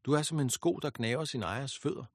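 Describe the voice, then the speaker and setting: A man voicing a furious, vengeful goddess who speaks in a shrill, commanding, scornful way. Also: dry recording, studio quality, natural voice. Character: furious vengeful goddess, woman, proud and spiteful.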